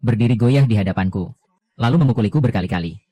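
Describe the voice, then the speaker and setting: Dark-voiced male story narrator. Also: on the low side, fast. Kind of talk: first-person animated story narration.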